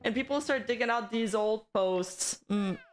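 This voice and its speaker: A woman's voice: fairly high pitch, normal speed. A woman hosting a livestream, chatting and commenting casually as she reacts to viewer comments. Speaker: livestream host.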